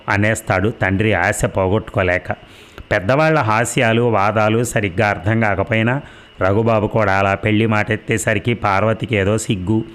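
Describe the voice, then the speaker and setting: A man reads a novel aloud as a storyteller, his voice sitting on the low side. His narration is steady and measured.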